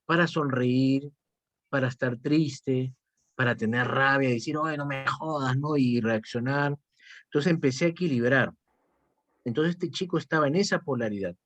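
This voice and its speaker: A man's voice: medium pitch, normal speed, a bit bright, dry recording. A man, a psychotherapist chatting reflectively and often tagging his sentences with "¿no?". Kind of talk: casual conversation.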